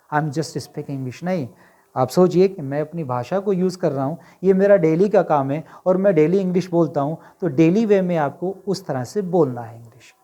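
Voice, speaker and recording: A man giving a spoken English lesson, mixing Hindi with slower English phrases and directly asking his students rhetorical questions. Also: on the high side, mellow. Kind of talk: motivational classroom lecture to camera.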